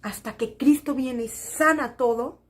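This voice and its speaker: A woman's voice: sits high, unhurried. A woman gives an emotional church testimony, repeating phrases and speaking straight to the congregation.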